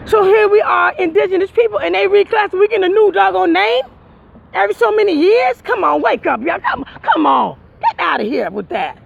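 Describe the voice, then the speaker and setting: A man's voice: very high-pitched, expressive, normal speed, gravelly, narrow, tinny audio. A man talking emphatically and repetitively to his viewers outdoors, speaking from the heart. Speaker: vlogger. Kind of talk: casual heartfelt monologue to viewers.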